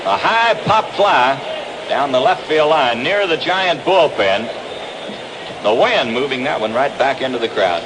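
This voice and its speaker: Here an American man narrates a baseball game in the fashion of a 1960s radio broadcaster, his medium-pitched voice animated but unhurried. The call comes from an outdoor ballpark, and the recording is a noisy vintage radio broadcast from 1962.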